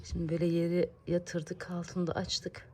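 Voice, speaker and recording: Home vlogger, female, thirties, lower pitch, easy chatty delivery mixed with tender baby talk. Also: monotone, moderate pace. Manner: soft baby talk to her daughter, whispering while the child sleeps. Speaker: vlogger and mother. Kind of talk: casual home vlog chat.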